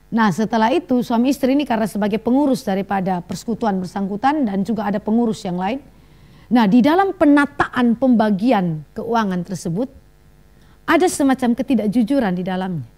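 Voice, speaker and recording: A high-voiced woman preaches a sermon. She tells her stories with lively asides and laughs along with them. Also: a little fast.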